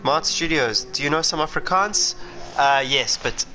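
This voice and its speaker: Expressive and unhurried, a South African man with a fairly high, pushed, bright voice offers live commentary while streaming a sim racing game. He's a racing driver, and the rough recording carries faint music plus engine and car sounds from the game.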